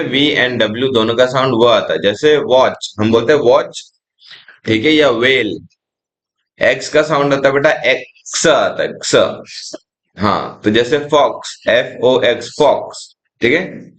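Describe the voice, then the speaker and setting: A young man with an Indian English accent teaching phonics in a classroom style, spelling out letters and sounds slowly and calling his learners "beta". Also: medium pitch, fairly bright tone.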